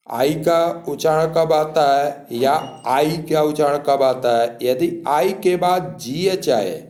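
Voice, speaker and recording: Slow man spelling out words. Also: fairly high pitch, a little mellow. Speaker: English teacher. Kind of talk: spoken classroom lesson. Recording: echoey room.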